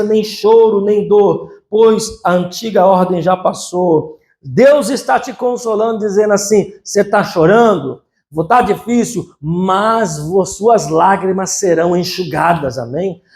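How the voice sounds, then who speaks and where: A man preaching a sermon at a church service, calling out "amen?" to the congregation and swinging between loud exclamations and quiet asides. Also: high-pitched. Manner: emphatic preaching with call-and-response "amém?". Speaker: pastor.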